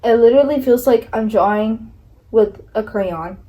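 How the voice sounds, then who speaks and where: A woman's voice: a little high, moderate pace, background noise. A young woman talking casually and nervously through a makeup tutorial, filling her talk with likes and ums. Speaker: beauty vlogger.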